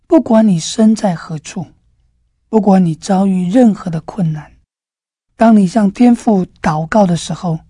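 A woman giving a devotional sermon, telling a story in a gentle, earnest way. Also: medium pitch, slightly rough, dry recording, studio quality. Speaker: preacher.

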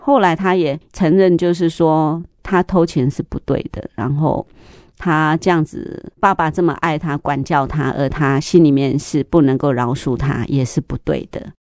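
A middle-aged woman, sharing a church testimony in an interview, telling stories lively and acting out the dialogue. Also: sits low, moderate pace, no room sound, clean studio sound. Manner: lively storyteller, acts out dialogue, laughs often.

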